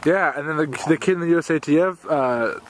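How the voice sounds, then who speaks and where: A young man with a fairly high voice chats casually on camera. He is jokey and teasing with his friends, and a busy outdoor crowd is clearly heard around him. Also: quick pace, rough recording. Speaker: vlogger filming friends at a track meet. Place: outdoors at an athletics meet. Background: crowd chatter and outdoor noise.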